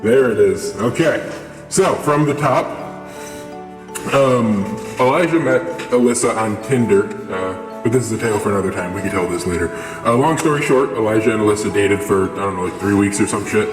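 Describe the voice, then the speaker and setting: A young man with a lowish voice tells a casual story at normal speed, rambling and full of fillers. His voice has been run through a voice changer, and the echoey recording has long reverb with music behind it.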